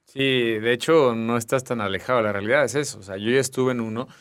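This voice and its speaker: A man's voice: mid-range voice, steady tone, a little fast, clear, resonant tone, dry recording. A man with a Mexican accent, casually telling a personal story in a chat and acting out what others said to him. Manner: colloquial, acts out quoted speech.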